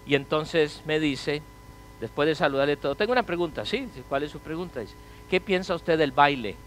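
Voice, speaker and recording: A male pastor delivers a sermon in a fairly high voice. He poses rhetorical questions to his congregation and moves between loud, emphatic phrases and quiet, low asides. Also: lively intonation, moderate pace, slight background noise, rough recording. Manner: preaching with rhetorical questions, wide swings in loudness.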